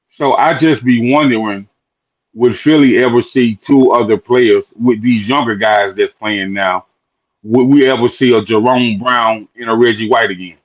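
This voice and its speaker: A man's voice: mid-range voice, steady tone, moderate pace, lo-fi sound. A man who is a guest on a casual sports chat, talking emphatically and repeating words as he builds his points.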